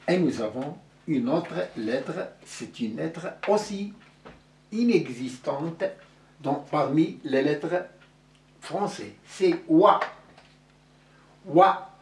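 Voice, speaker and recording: Very slow man teaching letter sounds. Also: fairly high pitch, lively intonation, a little mellow. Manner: drawn-out, repeats each sound several times. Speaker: Arabic teacher. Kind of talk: slow classroom-style letter lesson. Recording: echoey room, voice from a distance.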